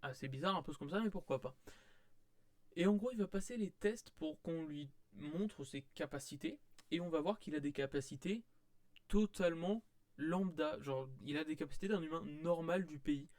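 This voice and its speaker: Young-sounding man, fairly high voice, dry close mic; rambling casual reviewer full of fillers. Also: moderate pace, a little mellow, no room sound. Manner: rambling, many fillers and restarts. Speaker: manga reviewer.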